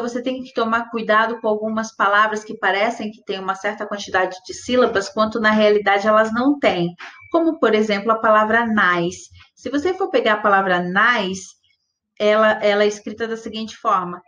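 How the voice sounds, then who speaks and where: A woman teaching an English grammar lesson, explaining patiently step by step, checking that students follow and slowing down to spell out example words. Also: medium pitch, fairly bright tone, highs cut off. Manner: patient, step-by-step, checks understanding with "tudo bem?" and "certo?". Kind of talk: classroom-style grammar explanation.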